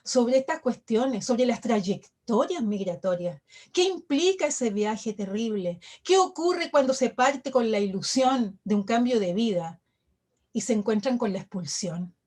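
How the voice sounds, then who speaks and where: High-voiced woman giving a measured lecture. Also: animated, a little mellow. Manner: measured and emphatic, with rhetorical questions and list-like build-ups. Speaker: university professor giving a lecture. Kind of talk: academic lecture, reflective.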